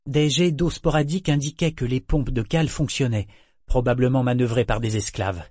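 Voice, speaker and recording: A man giving a measured, scripted audiobook narration on a close studio mic. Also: medium pitch, darkish tone, no room sound.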